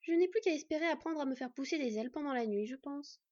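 A woman reading a storybook, voicing a sad, tearful young fox girl in a higher voice. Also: lively intonation, fast talker. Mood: downcast. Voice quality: soft, sniffling. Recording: dull lo-fi dry recording.

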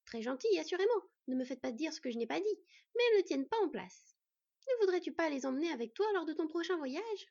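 A woman's voice: high-pitched, sing-song, fast talker, gravelly, a little mellow, pitched above the performer's own voice, exaggerated voice. A woman voicing a fussy, motherly female dwarf who talks in a chatty, exasperated way, in a storybook reading. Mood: fussing. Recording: dull lo-fi recording.

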